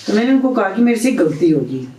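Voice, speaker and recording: A man's voice: high-pitched, very animated, fast, warm tone. A young man telling his story in an interview, acting out the dialogue of the people in it. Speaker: interview guest. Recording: roomy, distant from the mic.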